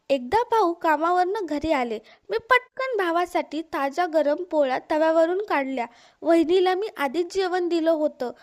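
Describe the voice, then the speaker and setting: A woman narrating an emotional first-person story in a sorrowful, pleading manner. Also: very high voice.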